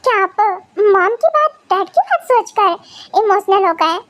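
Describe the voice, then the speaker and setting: A woman's voice: very high voice, measured pace, dry recording, exaggerated voice. A woman as a sweet, playful young wife. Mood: comforting. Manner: sweet, comforting, lively. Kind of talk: fan audio drama.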